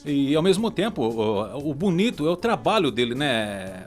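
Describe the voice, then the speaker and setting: A man's voice: mid-range voice, normal speed. A man hosting a radio interview, talking effusively and padding phrases with "é" and "né". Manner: lively, effusive, stretches words with "é" and "né". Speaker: radio host. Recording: radio studio with music bed.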